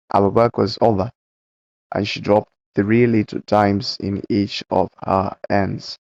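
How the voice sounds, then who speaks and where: A man with a low, slightly cracking voice reads a book aloud at a very slow pace, stumbling and correcting himself as he goes. The sound is dry and close, with a dull, muffled home-recording quality. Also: darkish tone, dry recording. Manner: slow, halting reading with stumbles and self-corrections. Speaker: book reader.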